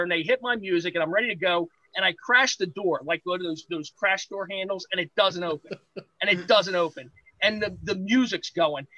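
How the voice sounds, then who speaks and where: A man guesting on a podcast, a pro wrestler telling a lively backstage anecdote and acting out what others said. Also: high voice, dry recording, low-quality recording. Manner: lively anecdote-teller, acts out quoted voices. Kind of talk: animated storytelling.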